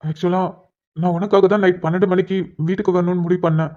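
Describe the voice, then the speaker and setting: A woman voicing a shy young husband in a cartoon, speaking softly and apologetically one moment and teasing his wife the next. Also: on the low side, steady tone, fast, close to an everyday voice. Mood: pleading. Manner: soft, apologetic then playfully teasing. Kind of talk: cartoon dialogue voice acting. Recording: dull lo-fi recording.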